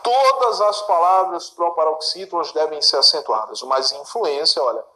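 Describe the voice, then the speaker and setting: A man's voice: a little high, moderate pace, sharp tone. A male teacher walks through exam questions step by step, asking questions and then answering them himself. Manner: asks and answers his own questions, checks in with the listener. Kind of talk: recorded exam-prep lesson. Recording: echoey room.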